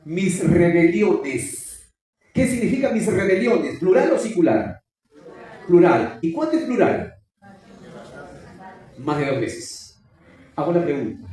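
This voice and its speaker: A man's voice: high-pitched, big pitch swings, a little slow, pauses often, warm tone. A man preaching a sermon, often questioning and exhorting the congregation. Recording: very echoey hall, distant mic.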